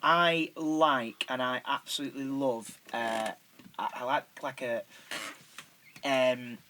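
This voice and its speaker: Animated, sweary Manchester man. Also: slow, background noise. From South Manchester, England. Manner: animated, sweary, jumpy pitch. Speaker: podcast host. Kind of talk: casual podcast chat. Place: recording studio. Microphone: podcast mic.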